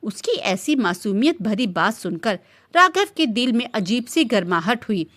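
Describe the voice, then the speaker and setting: A woman narrating a romantic story in an expressive, steady storytelling manner. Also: fairly high pitch, unhurried, dry recording.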